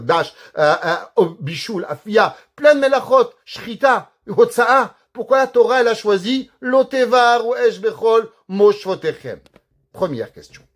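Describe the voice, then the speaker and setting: A rabbi teaching a recorded Torah class in a fairly high voice. He works through Hebrew words one at a time and keeps asking his listeners questions. He sounds like a patient teacher going over a text. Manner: explains Hebrew terms and verses slowly, teacher-like; lively, rhetorical questions to the audience.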